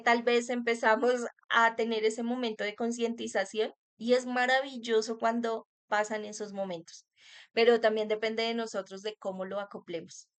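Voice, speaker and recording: An earnest woman, speaking as a mother leading a parenting workshop. Her voice sits a little high, and she talks directly to parents, often asking them rhetorical questions. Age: adult parent. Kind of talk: talk on child wellbeing.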